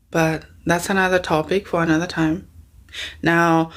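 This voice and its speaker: A woman speaking as a spiritual coach, teaching informally in an emphatic, conversational way and drawing out key words. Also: mid-range voice. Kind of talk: informal spiritual teaching talk to an online audience.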